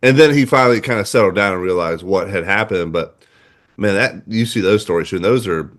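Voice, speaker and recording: A man co-hosting a sports podcast, telling stories in a chatty, animated way with many fillers. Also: sits low, fairly quick. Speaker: podcast co-host. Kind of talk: casual sports chat.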